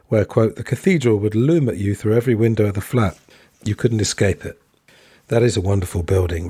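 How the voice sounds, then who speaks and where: A man's voice: fairly low pitch, dark tone, no echo, studio quality. A man hosting a podcast, chatting to listeners and reading passages aloud from a book. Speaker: podcast host.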